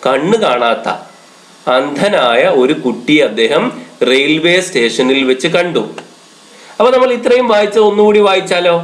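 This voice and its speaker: A man teaching a children's Arabic lesson, explaining slowly word by word and asking the pupils questions. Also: medium pitch. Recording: echoey room.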